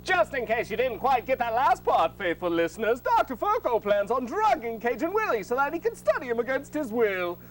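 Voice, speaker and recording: A woman narrating a scripted comic serial with wry, deadpan asides. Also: fairly high pitch. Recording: faint hum and hiss.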